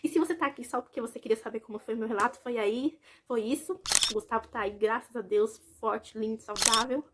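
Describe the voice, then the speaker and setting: Fast-talking young Brazilian woman. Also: a little high, steady tone, heavy background noise. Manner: chatty, speaks straight to viewers. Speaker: vlogger. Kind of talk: casual personal story to camera.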